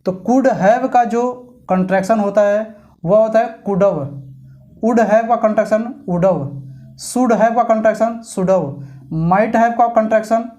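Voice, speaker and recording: A teacher delivers a spoken grammar lesson at a slow, deliberate pace. They dictate each form on its own, then explain in quicker bursts. They keep checking the listener with repeated quiz questions. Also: medium pitch, fairly even intonation, warm tone. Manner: reads English forms slowly one by one, then explains quicker. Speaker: English teacher.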